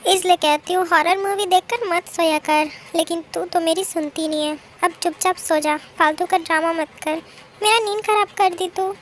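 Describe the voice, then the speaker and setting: A woman's voice: extremely high pitch, fairly even intonation, moderate pace, a little hiss or hum. A woman voicing an irritable, sleepy young woman roommate who brushes off her friend in a fan-made drama dub. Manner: irritable, dismissive.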